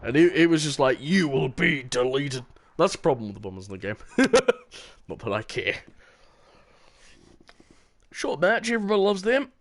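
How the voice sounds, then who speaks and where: A man's voice: fairly high pitch, sing-song, normal speed, long pauses. A man streaming a game and chatting casually, rambling, repeating himself and laughing often. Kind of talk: casual gameplay commentary.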